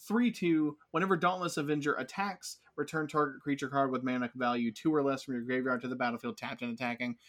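A man hosting a casual podcast, reading out card text and giving quick, upbeat opinions on each one. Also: mid-range voice, a bit bright. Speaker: podcast host.

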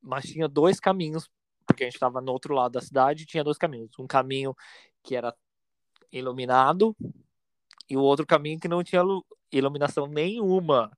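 A man's voice: on the high side, brisk, dry recording. A Brazilian man from São Paulo state with a Brazilian accent. He tells an anecdote in a casual chat, campy and dramatic, full of slang asides. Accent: Brazilian Portuguese. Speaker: podcast storyteller.

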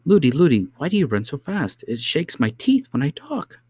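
A man's voice: a little high, huge pitch swings, normal speed, darkish tone, breathy edge, dry recording, voice pushed up, exaggerated voice. A man voicing a chatty, innocent, insistent little princess in a storybook. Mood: curious chatter. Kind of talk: storybook character voice.

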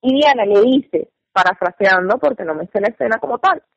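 A Venezuelan woman co-hosting a radio show, telling stories in a lively, dramatic way with sudden exclamations. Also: medium pitch, brisk, gravelly, dry recording. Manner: animated, dramatic storyteller with loud exclamations. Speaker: radio co-host. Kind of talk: casual radio commentary. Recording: dull, dry radio studio sound.

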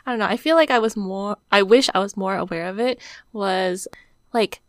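Speaking in a mid-range voice at moderate speed, a young female podcast co-host talks casually and emotionally, almost crying and using "like" constantly. The recording is dry.

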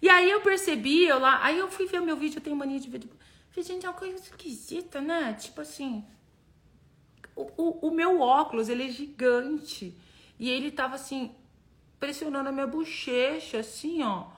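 Effusive Brazilian woman, fairly high voice. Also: moderate pace. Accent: Brazilian Portuguese. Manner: effusive, affectionate, laughs often, shouts bursts of cheering. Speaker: wellness coach live-streaming to followers. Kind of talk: casual motivational livestream talk.

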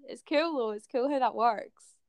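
Mid-twenties female host, higher smooth voice, dry close sound, easygoing interviewer. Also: moderate pace, dry recording. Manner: friendly, laughs often, asks follow-up questions. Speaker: podcast host. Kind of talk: casual interview chat.

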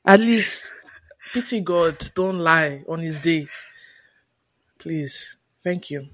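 A woman co-hosting a podcast, chatting casually with a playful, teasing edge and bursts of mock exasperation. Her voice sits at a middle pitch and is recorded close and dry, with no room sound. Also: slow, a bit bright, no room sound. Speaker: podcast co-host. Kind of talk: casual chat.

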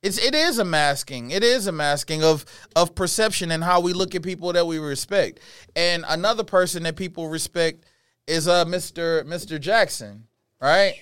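A man's voice: fairly high pitch, normal speed, fairly bright tone, clean tone. A man co-hosting a casual talk show, telling profane stories with frequent stammered restarts. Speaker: podcast co-host. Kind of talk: casual chat.

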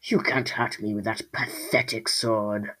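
A man's voice: fairly low pitch, steady tone, measured pace, a bit bright. A man voicing a menacing male forest creature in a storybook reading, with sneering, taunting lines.

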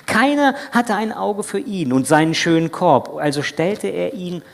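A man's voice: sits high, lively intonation, a little slow. A man preaching a sermon as a retold story, dramatic, now and then dropping to a whisper. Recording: breathy voice in a long church reverb.

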